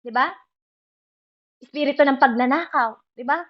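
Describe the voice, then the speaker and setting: A woman's voice: high voice, moderate pace, lo-fi sound. A woman preaching a sermon in Filipino mixed with English phrases, often turning to the congregation for agreement.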